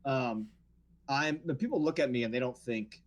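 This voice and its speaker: A man's voice: medium pitch, normal speed. A man who works as an actor, from the New Orleans area, telling stories in a casual podcast chat with frequent restarts. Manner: storytelling, animated, frequent restarts. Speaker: guest actor.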